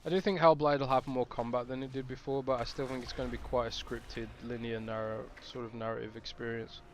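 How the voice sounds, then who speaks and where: A man's voice: mid-range voice, flat delivery, fairly quick, slight background noise. A man streaming a game, chatting casually and thinking aloud with restarts. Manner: rambling, thinking aloud with fillers.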